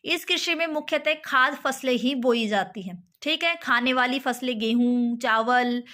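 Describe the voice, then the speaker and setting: A woman's voice: sits high, normal speed, bright, forceful tone. A woman teaching a geography lesson, repeating key terms and often checking in with her listeners.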